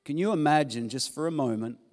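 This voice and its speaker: A man's voice: on the high side, fairly quick. A man preaching a sermon in a church, rousing the congregation with enthusiasm. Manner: warm, enthusiastic, audience-rousing. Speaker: pastor. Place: church hall. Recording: echoey church hall.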